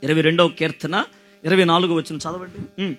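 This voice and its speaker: High-voiced impassioned preacher, humming line. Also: male voice, flat delivery, a little fast, a bit bright, a little hiss or hum. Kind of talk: sermon.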